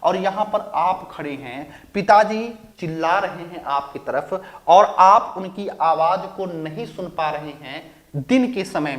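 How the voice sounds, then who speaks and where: High-voiced male physics teacher lecturing. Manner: asks rhetorical questions and answers them, repeats key phrases. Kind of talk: recorded classroom lecture.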